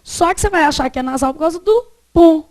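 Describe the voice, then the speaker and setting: A woman's voice: sits high, expressive, fast, a little mellow. A woman teaching a grammar lesson, asking the class questions and answering them herself.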